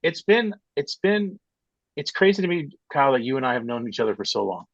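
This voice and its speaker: A man's voice: medium pitch, big pitch swings, fairly quick, dry recording, highs cut off. A man hosting a podcast over a video call through a headset mic, chatting casually and rambling with many restarts and fillers. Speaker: podcast host.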